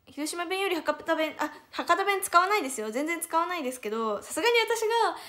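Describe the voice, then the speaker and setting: A high-voiced young woman speaks with a Hiroshima lilt. She hosts a relaxed livestream and chats and giggles as she reads out and answers viewers' comments. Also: fairly quick. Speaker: idol livestreamer. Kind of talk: casual livestream chat reading viewer comments.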